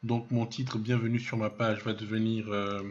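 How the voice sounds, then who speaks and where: A man giving a software tutorial, hesitant and full of fillers and restarts, thinking aloud as he clicks, with self-mocking asides. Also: on the low side, level tone, normal speed, dull audio, a little hiss or hum. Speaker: web development trainer. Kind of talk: screen-recorded software tutorial.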